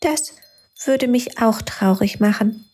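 Lady doing a tiny magic light, high and soft, comforting and kind, slow and breathy. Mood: gentle, caring. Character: tiny kind talking light, gentle and caring.

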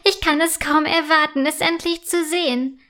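A woman voicing an excited, slightly chubby young unicorn mare who gushes eagerly in a children's storybook reading. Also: high-pitched, moderate pace, voice pushed up. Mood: gushing. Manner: gushing, eager.

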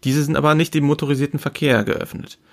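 A man co-hosting a casual podcast chat, explaining slowly with many fillers and restarts. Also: a little high, flat delivery. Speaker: podcast co-host.

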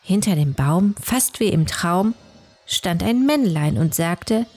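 A woman storyteller narrating a rhyming storybook, measured and sometimes hushed. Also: fairly low pitch, animated, husky, soft background music.

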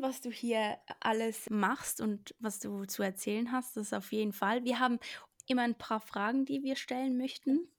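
A woman co-hosting a podcast in casual interview chat, bubbly and quick to laugh. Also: on the high side. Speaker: podcast co-host.

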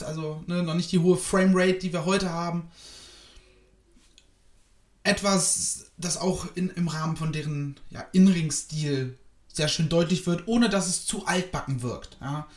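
A man's voice: high voice, roomy sound. A man giving a casual spoken review of a wrestling show, hesitant and rambling with many fillers.

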